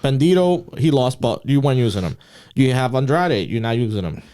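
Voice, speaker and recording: A man co-hosting a podcast in casual chat, opinionated and quick in the back-and-forth. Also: medium pitch, very animated, mellow. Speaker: podcast co-host.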